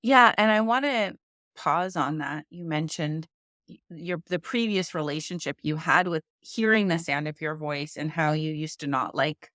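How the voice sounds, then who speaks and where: A deep-voiced woman speaks at normal speed with a slightly bright tone, recorded in studio quality with no echo. She co-hosts a book-discussion podcast and teaches speaking classes, and she talks earnestly and emphatically, repeating her key points.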